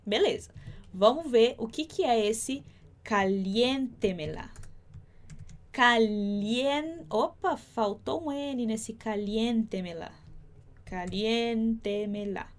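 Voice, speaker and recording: Woman as a patient language teacher, slightly high voice, slow, deliberate delivery. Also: lively intonation. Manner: slow, careful, spelling out phrases. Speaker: Spanish teacher. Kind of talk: online language lesson.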